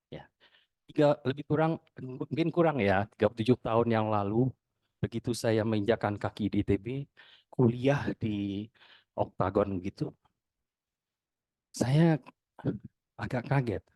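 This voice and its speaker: A man's voice: unhurried, pauses often, dry recording. A man in his fifties from Indonesia, giving an informal tribute talk full of anecdotes and acted-out dialogue. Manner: chatty, anecdotal, acts out quoted dialogue with lively pitch jumps. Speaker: speaker giving a testimony.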